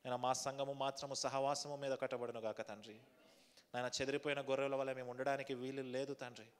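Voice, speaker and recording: Resonant and clear, a male pastor's mid-range voice fills a large church hall as he preaches, asks the congregation questions, and leads a fervent prayer. He speaks fast with a flat delivery, settling into a repetitive prayer cadence.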